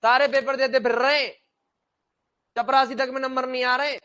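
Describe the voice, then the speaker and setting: A man with a very high voice lectures a class. He talks bluntly and half-jokingly, scolds his students and keeps asking them questions that he answers himself. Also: level tone, moderate pace, sharp tone. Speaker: teacher.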